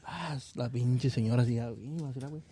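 A man's voice: medium pitch, a little fast, warm tone, husky. A man with a Mexican Spanish accent telling a crude joke among friends in a rambling, slangy way, often laughing. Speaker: joke teller. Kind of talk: crude casual chat.

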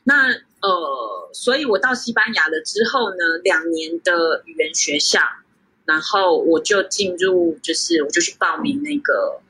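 一位三十多岁、在台湾长大的女侍酒师，通过远程连线接受访谈，说话随意，常笑，停顿和语气词很多。. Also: female voice, on the low side, lively intonation, unhurried, pushed and bright, slightly rough, low-quality recording. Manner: chatty, laughs often, many fillers. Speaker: guest sommelier. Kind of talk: casual interview over a remote call. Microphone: video call.

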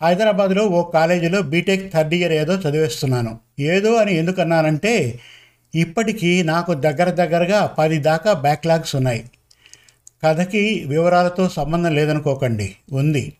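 A man with a fairly high-pitched voice tells a first-person story. He keeps a measured, chatty storytelling pace, as if talking straight to the listener. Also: a little mellow.

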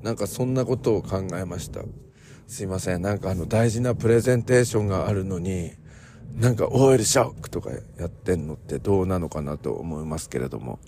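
A man hosting a casual solo morning podcast, chatty and digressive, joking along and filling pauses with lots of fillers. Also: low-pitched, mellow, slight background noise. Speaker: podcast host.

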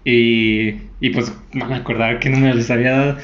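A young man with a Mexican accent, casually telling a story in a deadpan way. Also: medium pitch, a little fast. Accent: Mexican Spanish. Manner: deadpan anecdote telling, mimics voices in quotes. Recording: roomy muffled recording.

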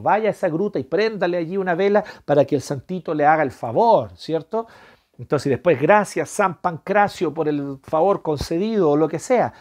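A husky-voiced man with a Chilean accent delivers a sermon. His pitch sits a little high for a man. He leans hard into key words, then sinks into hushed, whispered lines. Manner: dramatic swings from loud emphasis to hushed whispers. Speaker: preacher.

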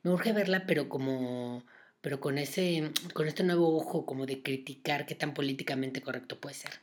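A woman's voice: deep voice, normal speed, a little mellow. A woman with a Mexican Spanish accent, hosting a podcast and telling a story in casual, sarcastic chat full of asides and fillers. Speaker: podcast host.

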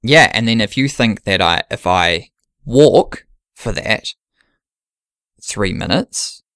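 A man's voice: fairly low pitch, lively intonation, slow, fairly bright tone, no room sound, studio quality. A man in casual podcast chat, planning an ultramarathon and thinking aloud with many restarts.

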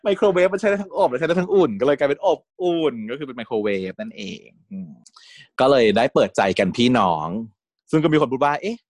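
A man's voice: a little high, fast talker, no room sound. Chatty man in a dry close recording. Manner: animated, laughs often, casual slang. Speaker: podcast co-host. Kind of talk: casual chat reviewing a TV series.

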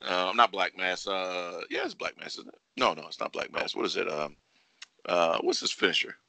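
A man's voice: deep voice, moderate pace, creaky, pushed and bright, no room sound. A man hosting a casual sports podcast, speculating in a teasing, opinionated way. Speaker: wrestling podcast host.

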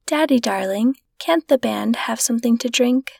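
A woman's voice: fairly high pitch, normal speed, vocal fry, darkish tone, no room sound, studio quality. A woman reading the lines of an earnest, tender-hearted young girl in a storybook reading.

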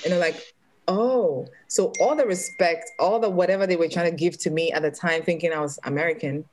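Woman, from Ghana, podcast guest, candid, storytelling, lowish voice. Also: a little fast, darkish tone, a little hiss or hum, poor audio. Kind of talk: casual podcast chat.

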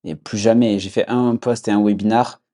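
A young man with a southwest French accent, chatting casually as a podcast guest, relaxed, with many fillers and restarts. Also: fairly low pitch, moderate pace. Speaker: podcast guest, agency founder. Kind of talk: casual conversation.

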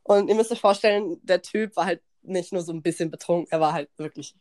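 Young woman podcast host, animated and slangy, laughs a lot, quotes people in little voices. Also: fairly low pitch, fast. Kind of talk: casual storytelling chat.

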